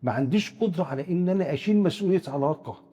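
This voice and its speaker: A man's voice: on the high side, expressive, rapid-fire, warm tone, husky, long reverb tail. A man with an Egyptian Arabic accent, explaining psychological ideas through first-person examples and often restarting his words. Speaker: psychiatrist guest expert. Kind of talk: explanatory discussion.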